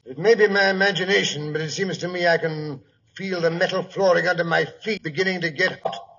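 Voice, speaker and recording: A dull, distant old radio recording of a fretful British doctor. His voice is high and crackly, full of blustering grumbles in 1940s drama manner. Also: steady tone, fairly quick, a bit bright, husky, heavily acted. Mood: anxious. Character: blustery, grumbling, anxious male doctor, loyal detective's sidekick.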